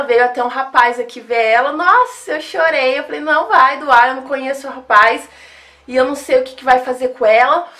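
High-voiced woman vlogging on a phone. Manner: talks straight to viewers, soft and sad. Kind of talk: casual phone vlog.

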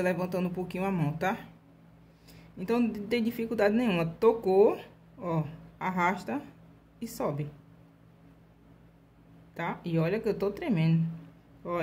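A woman's voice: medium pitch, dark tone, slight background noise. A Brazilian woman hosting a casual nail art tutorial, chatty, checking in with her viewers constantly as she demonstrates brush strokes step by step. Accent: Brazilian Portuguese. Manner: slow, deliberate demonstration while painting.

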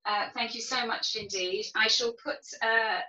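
Woman host, bright and roomy. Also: on the high side, steady tone, a little slow. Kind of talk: interview chat. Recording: roomy, distant, lo-fi sound.

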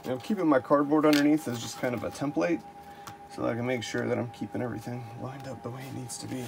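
Talking fast with a steady tone and some vocal fry, a man of medium pitch narrates his own DIY build, thinking aloud as he works in a cluttered home workshop. Loud music plays behind him, and the workshop camera recording is noisy.

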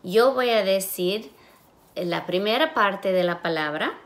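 A woman's voice: medium pitch, animated, slow pace. A woman teacher giving a phonics lesson, sounding out letters and syllables one at a time.

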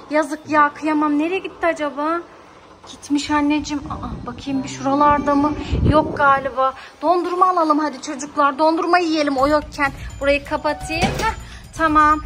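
A woman playing with her small children and talking to them in a lively, coaxing way for a family vlog. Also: extremely high pitch. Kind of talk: casual family vlog chat.

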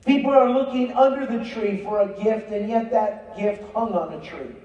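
A man's voice: high voice, normal speed, a little mellow. A man preaching a sermon in an emphatic cadence, recorded by a phone from the seats of a large church auditorium. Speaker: pastor. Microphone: filmed from the seats by phone. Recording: distant, muffled, echoey arena.

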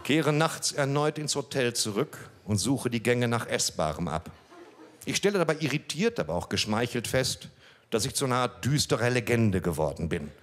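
In a deadpan stand-up routine at a small club, a middle-aged man reads a story off a page into his handheld mic and now and then turns to talk to the audience. His voice is mid-range, with a moderate pace.

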